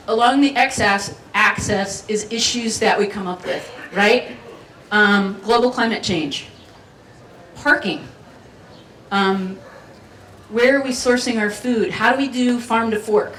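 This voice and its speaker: This festival speaker has a somewhat high, slightly bright voice and talks slowly with long pauses, keeping her keynote playful and conversational to draw listeners in. There's a little hiss or hum, and the hall sound is spacious and distant with faint ambience.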